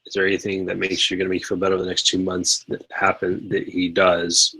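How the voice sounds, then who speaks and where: A man's voice: low voice, completely flat delivery, fast talker, sharp tone, slightly rough, rough recording. A man co-hosting a live podcast, talking politics in a rambling way with many fillers and restarts. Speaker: podcast co-host. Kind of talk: casual political discussion.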